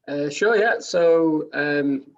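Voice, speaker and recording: Gravelly Welsh man on a call. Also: a little high, takes it slowly. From Wales. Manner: relaxed, many ums, trails off quietly. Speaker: guest speaker. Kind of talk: casual video-call chat. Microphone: video call. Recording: dull lo-fi call audio.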